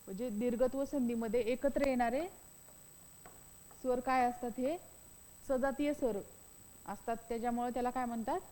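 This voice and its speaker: Woman teacher, fairly high and mellow voice, repeats points and answers her own questions, long reverb. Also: fairly even intonation, moderate pace, pauses often. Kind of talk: grammar lesson.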